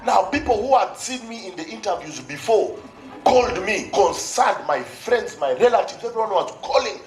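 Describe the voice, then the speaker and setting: A man's voice: sits high, lively intonation, normal speed, soft background music. A man with a Ugandan accent telling a stand-up comedy story on stage, animatedly acting out dialogue with exclamations. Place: live comedy show on stage before an audience. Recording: echoey live stage recording, crowd noise.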